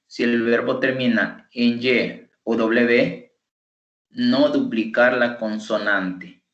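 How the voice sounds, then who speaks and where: Slow, deliberate male tutor in echoey room. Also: mid-range voice, a bit bright, lo-fi sound. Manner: slow, deliberate, repeats words for pronunciation drills. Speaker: English tutor. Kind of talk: online class teaching. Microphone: computer microphone.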